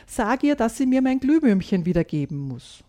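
A woman's voice: fairly high pitch, big pitch swings, normal speed, warm tone. A woman reading a story aloud and voicing an eager, stubborn little boy. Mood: insistent. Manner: eager and insistent.

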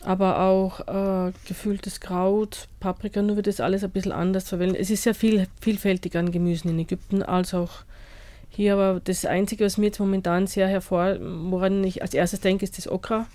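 Thoughtful woman, flat mellow voice. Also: medium pitch, normal speed, dry recording. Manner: thoughtful, searching for words. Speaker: guest. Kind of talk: radio interview.

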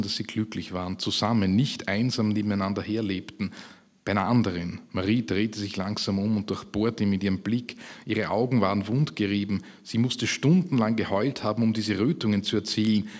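A man reading his own fiction aloud at a literary event, measured and slowing for emphasis. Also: fairly low pitch, darkish tone. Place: public reading at a literary festival.

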